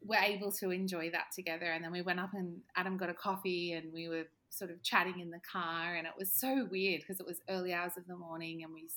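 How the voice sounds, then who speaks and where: Bright-voiced chatty woman telling a story. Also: on the low side, a little fast, hardly any pauses. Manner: animated, laughs often, says "like" a lot. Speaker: podcast guest. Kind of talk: casual storytelling chat.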